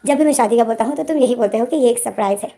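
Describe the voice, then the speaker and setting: A woman's voice: a little high, rapid-fire, gravelly, warm tone. A woman voicing a startled young man. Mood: sulky. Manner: surprised, pleading. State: sore throat. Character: excitable young man, sleepy fiancé.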